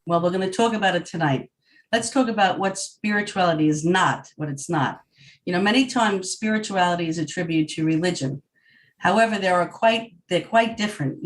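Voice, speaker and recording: A friendly woman from New York co-hosts an online discussion over a video call. Her voice is lowish, and she talks in a conversational, slightly halting way.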